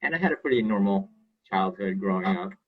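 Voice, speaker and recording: A man's voice: low-pitched, animated, brisk, highs cut off. A man from Thailand, a former mayor, introducing himself in a friendly way on a panel.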